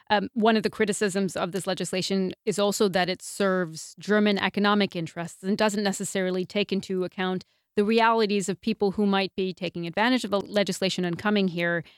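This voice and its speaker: A woman hosting a radio interview, asking measured, precise questions. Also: mid-range voice, fairly even intonation, clean tone, no room sound, clean studio sound. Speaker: host.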